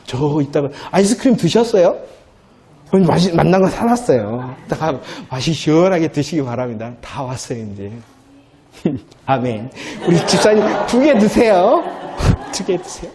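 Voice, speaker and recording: A man preaching as a pastor in a church, talking conversationally, then repeating phrases loudly for emphasis. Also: a little high, expressive, normal speed. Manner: conversational preaching, swings from soft asides to loud emphatic repetition. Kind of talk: sermon.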